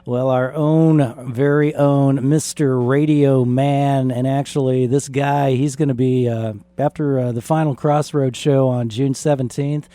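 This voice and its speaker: A man's voice: mid-range voice, fairly even intonation, measured pace, hardly any pauses, mellow, no room sound. A man hosting a community radio show, chatting casually with a guest and using many fillers. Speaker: radio host.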